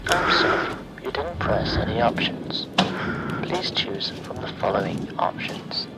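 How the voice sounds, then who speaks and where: On a very noisy recording, a man voices a sinister automated phone survey for a horror ASMR roleplay, sounding cold and clipped in measured, formulaic announcements. His mid-range voice is breathy and often near-whispered, yet animated and close to an everyday voice.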